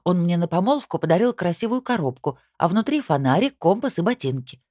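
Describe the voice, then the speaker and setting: A woman's voice: on the low side, expressive, a little fast, dark tone, no echo, clean studio sound. A woman voicing an aggrieved young bride who complains heatedly in an audiobook. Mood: indignant. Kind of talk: audiobook character reading.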